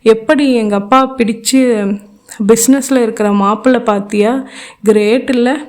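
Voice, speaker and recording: A heartbroken young divorced woman pours out her longing in a tearful, impassioned plea, read by a woman narrator. The voice sits fairly high for a woman. It is an audiobook reading. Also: fairly even intonation, a little slow, a little mellow, lightly acted. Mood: bitter.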